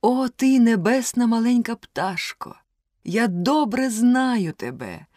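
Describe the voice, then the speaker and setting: Woman reading a pale dying emperor, older man, begging, pitched way up, slow. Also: lively intonation, darkish tone, no echo, clean studio sound. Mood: grateful. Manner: pleading, crying out.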